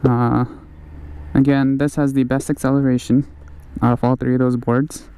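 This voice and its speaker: A man's voice: mid-range voice, flat delivery, normal speed, warm tone, rough recording. A man giving casual point-of-view commentary outdoors on a street while riding an electric skateboard. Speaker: vlogger reviewing an electric skateboard. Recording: outdoor ride noise, passing vehicles. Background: vehicle and ambient noise.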